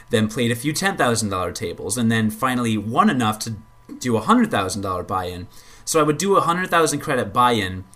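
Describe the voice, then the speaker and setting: A man co-hosting a casual gaming podcast rambles and stammers, repeating words and swearing when he gets annoyed. His voice is medium-pitched with a fairly bright tone.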